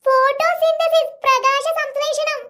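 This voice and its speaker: Cartoon role: performer puts on a bossy big sister tutoring with threats; bright and quick. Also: very high-pitched, expressive, heavily acted. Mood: scolding. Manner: bossy, scolding, commanding. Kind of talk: cartoon voice acting.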